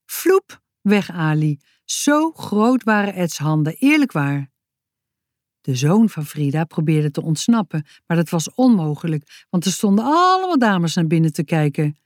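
A woman author reading her own children's story aloud, slow and expressive. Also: lowish voice, no echo, clean studio sound.

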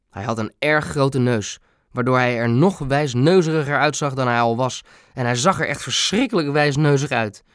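A man narrating a children's storybook in an expressive, animated storytelling manner. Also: medium pitch, no room sound. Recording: dry close recording.

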